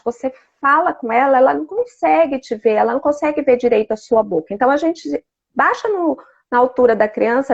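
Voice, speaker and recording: A woman's voice: high voice, breathy edge. A woman speech therapist explaining, as a guest in a live talk. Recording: dull lo-fi sound.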